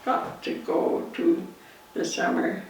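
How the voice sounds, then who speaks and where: A woman in her nineties with a Canadian accent, reminiscing in an interview in a halting way, pausing mid-sentence. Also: darkish tone. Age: 90s. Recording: echoey, distant mic, faint noise.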